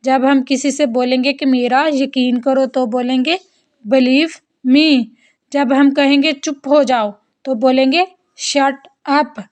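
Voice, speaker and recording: Slow, high-voiced woman teaching phrases. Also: steady tone, darkish tone. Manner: slow, deliberate, repeats each phrase for learners. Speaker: English teacher. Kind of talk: spoken language lesson.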